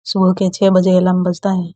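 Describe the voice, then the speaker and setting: A woman narrating a romance story in a calm, unhurried reading. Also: fairly low pitch, no room sound.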